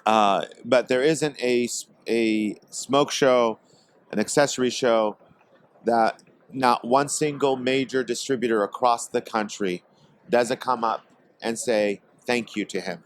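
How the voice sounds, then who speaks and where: A man from Portland, Oregon, guest on a podcast, speaking hesitantly with many pauses and fillers. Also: medium pitch, steady tone. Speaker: guest, tobacco company executive. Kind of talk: casual podcast interview. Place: trade expo.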